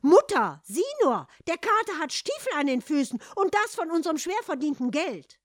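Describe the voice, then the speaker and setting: A woman's voice: high voice, sing-song, normal speed, no echo, studio quality, voice pushed up. A woman voicing an outraged sister who tattles to her mother in a read-aloud fairy tale. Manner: outraged, loud. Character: indignant, tattling younger sister.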